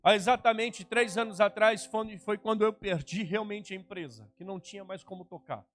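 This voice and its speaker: Dramatic high-voiced São pastor. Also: male voice, normal speed. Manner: dramatic, acts out dialogue, swings from shouting to hushed. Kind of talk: testimony sermon.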